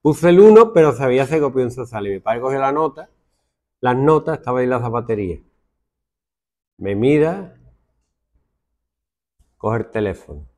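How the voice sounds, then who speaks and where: A man's voice: medium pitch, moderate pace, long pauses. A male secondary school teacher with a Spanish accent from Spain, lecturing his class and mimicking his students' complaints. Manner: lively, lecturing, acts out students' complaints in mocking voices.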